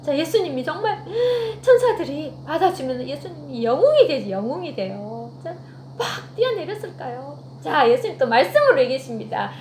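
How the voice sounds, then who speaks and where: A woman's voice: high voice, sing-song, moderate pace, darkish tone. A woman giving a children's sermon, telling the story with animation and asking the children questions. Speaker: children's ministry teacher. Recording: echoey room with faint hum.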